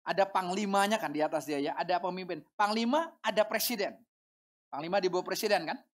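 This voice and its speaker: A woman pastor preaching a sermon, animated and rising to shouts for emphasis. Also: on the low side, a little fast.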